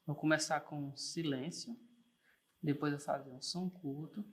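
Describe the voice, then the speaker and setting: High-voiced music teacher. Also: male voice, fairly even intonation, unhurried. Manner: patient, encouraging, checks in with "tá bom?" and "certo?"; sings sustained "sol" notes while clapping the beat. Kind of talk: online music theory lesson.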